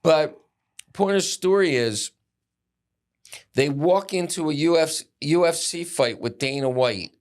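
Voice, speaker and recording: A man's voice: on the high side, expressive, a little slow, long pauses. A man co-hosting a podcast in casual chat, opinionated and blunt with his questions. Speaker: podcast co-host.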